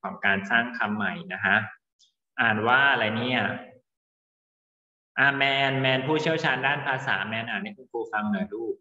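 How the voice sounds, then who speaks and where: A male teacher with a medium-pitched, pushed and bright voice explains English word formation at a moderate pace during an online class. He calls on students by name and mixes English terms into his explanations, recorded in a dull, echoey room with long reverb.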